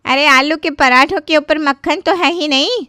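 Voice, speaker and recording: Cartoon aunt of the groom played by a woman, greedy, pushy, complaining, high, bright, swooping voice. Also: normal speed, no room sound, clean studio sound. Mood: demanding. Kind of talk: cartoon voice acting.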